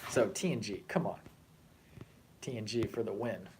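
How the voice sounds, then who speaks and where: A man vlogging in a casual, animated way, chatting and drifting between tangents. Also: fairly low pitch, moderate pace, slight background noise. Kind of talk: casual chat to camera.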